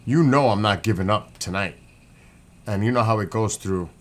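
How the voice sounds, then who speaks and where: A man's voice: lowish voice, moderate pace. A man with a New York accent chatting casually as a livestream host, rambling as he greets commenters and reads out what they write. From New York state, United States. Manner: rambling, chatty, breaks off to read names and comments. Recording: clear background noise, room ambience.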